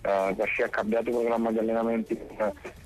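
A man's voice: lowish voice, flat delivery, a little fast, soft background music. A man reporting sports news over a phone line with spotty reception, hesitant and repeating words as he reasons. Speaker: sports correspondent.

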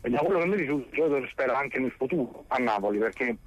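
A man's voice: medium pitch, animated, fast talker. A man reporting sports news over a phone line with spotty reception, hesitant and repeating words as he reasons. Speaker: sports correspondent.

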